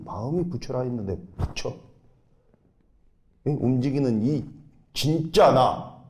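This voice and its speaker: A man who is a Buddhist monk, preaching a dharma talk and guiding meditation, emphatic, with sudden rises and soft, drawn-out instructions. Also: mid-range voice. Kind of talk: sermon with guided meditation. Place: temple dharma hall.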